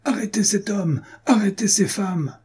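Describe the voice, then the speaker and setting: A man voicing a vengeful, imperious noblewoman in an audiobook, giving sharp, commanding orders. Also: medium pitch, lively intonation, normal speed, husky. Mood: furious.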